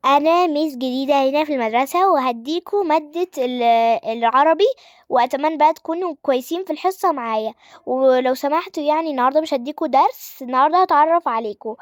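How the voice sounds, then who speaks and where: A woman's voice: high-pitched, fast, no room sound, studio quality, natural voice. A woman with an Egyptian Arabic accent voicing a new schoolteacher who greets her class kindly but warns them sternly, in a voiced game role-play series. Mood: friendly, firm. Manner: warm greetings with firm warnings.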